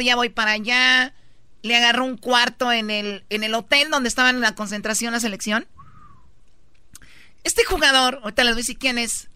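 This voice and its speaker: A woman's voice: a little high, bright, forceful tone, clean tone, dry recording. A woman podcast host telling gossip in a chatty, teasing way. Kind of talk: casual gossip storytelling.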